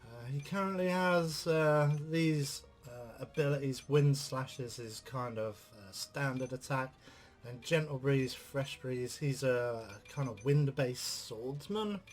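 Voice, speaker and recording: A man's voice: mid-range voice, slow, soft background music. A man giving casual let's-play commentary on a game, rambling with lots of filler sounds. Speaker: game reviewer.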